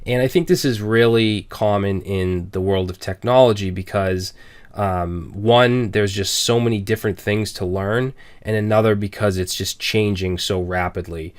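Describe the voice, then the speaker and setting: With a fairly low, steady voice at a moderate pace, this man in his thirties hosts a programming channel and speaks with a Boston accent. His candid chat with viewers is earnest and unpolished, dotted with "um" and "all right."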